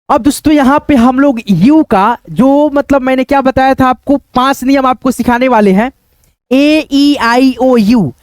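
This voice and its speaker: Man teaching English, very high voice, spells words letter by letter, dry close sound. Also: dry recording. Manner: repetitive, keeps saying "okay friends" and "look here"; spells words letter by letter, then says them slowly.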